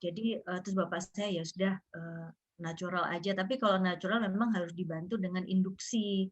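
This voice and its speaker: A woman's voice: steady tone, brisk. Woman, 30s, interview guest; earnest storyteller who voices the people in her story; dull lo-fi audio. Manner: earnest, acts out quoted dialogue with rising pitch. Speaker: guest sharing a personal story. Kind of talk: emotional personal storytelling.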